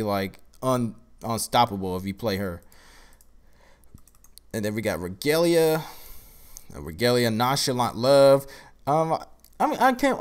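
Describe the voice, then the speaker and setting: A tired, groggy man on a casual live stream, showing off his card game and thinking aloud as he rambles through each card. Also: medium pitch. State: groggy, tired from a long day.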